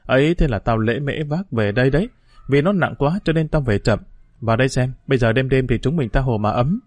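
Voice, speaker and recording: A man's voice: medium pitch, expressive, fairly quick, darkish tone, no room sound, lightly acted. A man voicing a tough, protective young street boy with a hot temper, stern and threatening toward other children. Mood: explaining.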